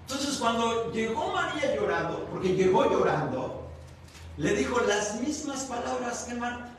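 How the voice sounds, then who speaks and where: A man with a high, animated voice delivers an expressive storytelling sermon and turns to the congregation with questions. The sound is very echoey and comes from a mic placed some distance away. A faint hiss sits underneath. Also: measured pace. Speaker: preacher. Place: church service.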